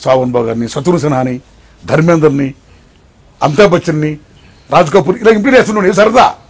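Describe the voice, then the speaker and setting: Older male interview guest, husky voice, quick animated telling that rises loud and drops to a hush. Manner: swings between loud excited and low hushed tellings. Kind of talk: animated storytelling.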